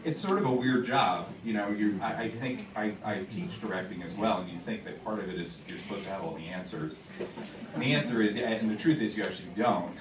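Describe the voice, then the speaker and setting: A theater director talks informally to an audience in the auditorium before a show, his voice on the low side and fairly quick, with many fillers and restarts. Because his held mic is heard from a distance, the recording comes across as echoey and noisy.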